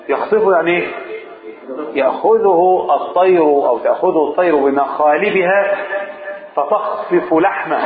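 A high-voiced Egyptian man teaches a mosque lesson, quizzing his listeners and drawing out repeated phrases. He sounds tinny, as if over a phone line, and booms in a very echoey hall. A crowd murmurs behind him. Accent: Egyptian Arabic. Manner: asks the listeners questions and repeats phrases slowly. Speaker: sheikh teaching a religious lesson.

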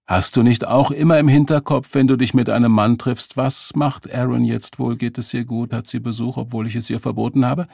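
A man's voice: mid-range voice, steady tone, brisk, gravelly, few pauses, dark tone, dry recording, studio quality, pitched above the performer's own voice. A man voicing a smug, controlling man who lectures his date in a coldly reproachful way. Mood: accusing.

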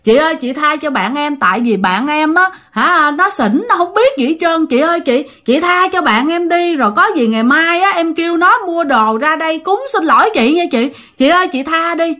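A woman's voice: high-pitched, expressive, normal speed, few pauses, sharp tone, voice pushed up. A woman voicing a scared young man who begs and pleads over and over, with a Southern Vietnamese accent. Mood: pleading. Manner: pleading, repetitive begging. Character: frightened young man begging a ghost.

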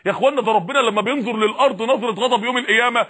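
High, fast Egyptian preacher. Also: male voice, a bit bright. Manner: impassioned, rhetorical repeated questions. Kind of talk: sermon.

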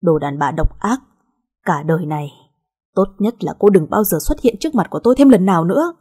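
A woman reads an angry young husband, cold and accusing, his lines slow and clipped. The voice stays warm and a little breathy, lowered in places for his rage in a storybook reading. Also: animated. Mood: furious. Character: harsh, furious young husband.

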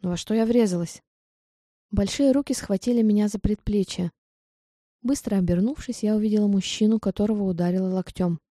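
A woman reading a first-person audiobook in an even, steady storytelling manner. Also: medium pitch, dry recording, studio quality. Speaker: audiobook narrator.

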